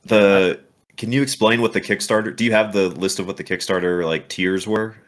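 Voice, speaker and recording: Low voiced dude rambling on in a casual chat, lots of restarts. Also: male voice, steady tone, fairly quick. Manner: rambling, full of fillers and restarts.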